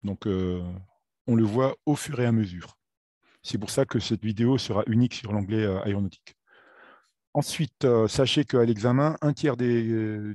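A French-speaking man giving a video lesson on aviation, talking in a halting way with many fillers and self-corrections. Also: lowish voice, warm tone, dry recording. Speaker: aviation theory instructor.

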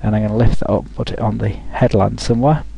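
A man talking through a software tutorial over a screen recording, thinking aloud with frequent restarts. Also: on the low side, steady tone, fast talker, vocal fry, husky, low-quality recording.

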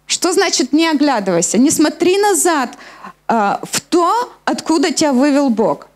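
Speaking into a handheld microphone at a lectern on an indoor church hall stage, a middle-aged woman preaches a sermon with scripture reading, explaining things to her listeners. Her voice sits high, with big pitch swings, at a moderate pace.

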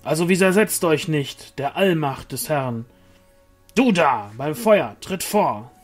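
A man's voice: mid-range voice, animated, slow, faint music behind. A man voicing a commanding male angel warrior who speaks sternly in a storybook reading.

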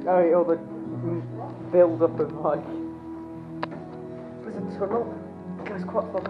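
A middle-aged vlogger talks casually as she walks through a show cave, describing what she sees in a fairly low, slightly slow voice. The lo-fi camcorder captures dull sound, with loud music playing in the cave behind her.

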